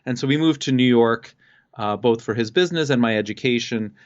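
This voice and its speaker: A man from Costa Rica, a guest entrepreneur, telling his life story in a relaxed way with many pauses and fillers. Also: medium pitch, dull audio.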